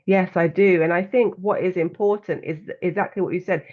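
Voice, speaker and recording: London woman, earnest and measured. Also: fairly low pitch, steady tone, narrow, tinny audio. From London, England. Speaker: guest, author and coach. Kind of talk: conversational interview.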